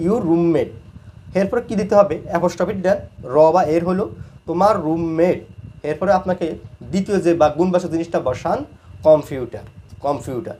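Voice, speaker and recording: A man teaching English grammar as a lesson, slowly repeating each example word by word. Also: high-pitched, darkish tone. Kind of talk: explaining grammar.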